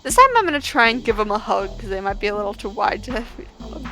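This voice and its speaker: A woman's voice: medium pitch, big pitch swings, fast talker, bright, forceful tone, faint music behind. A woman playing and reading aloud a text game, laughing often and adding playful asides. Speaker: gamer.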